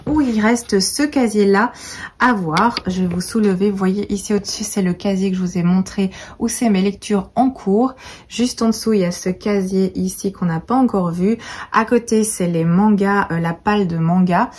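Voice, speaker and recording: A woman's voice: medium pitch, dark tone, slight background noise. A woman vlogger giving a casual tour of her bookshelf at home, talking in a chatty way with many filler hesitations. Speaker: book vlogger.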